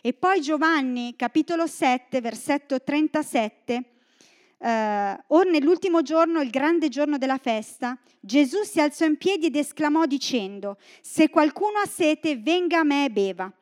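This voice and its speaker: High-voiced woman preaching a sermon. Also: measured pace. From northern Italy. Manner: lively, joking asides to the congregation. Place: church.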